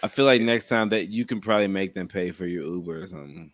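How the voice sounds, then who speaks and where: A man's voice: sits low, fast. A man co-hosting a podcast, teasing his friends and laughing easily in casual talk. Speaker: podcast co-host.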